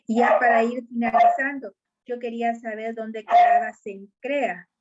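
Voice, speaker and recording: Woman preacher, earnest and conversational, somewhat high voice, dull lo-fi recording. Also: fairly even intonation, unhurried, heavy background noise. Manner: earnest and conversational, addressing listeners as sisters. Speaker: preacher at a women's church meeting. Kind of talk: sermon.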